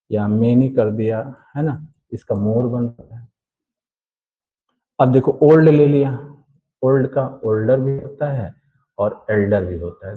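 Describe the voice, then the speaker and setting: A man's voice: medium pitch, husky. A man teaching English grammar in an online class, repeating key points and often checking that students follow. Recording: dull lo-fi recording.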